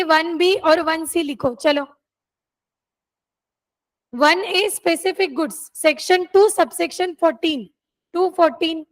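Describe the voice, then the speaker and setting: High-voiced woman teacher dictating notes. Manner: dictates slowly, checks on students. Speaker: law teacher. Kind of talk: classroom dictation. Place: classroom.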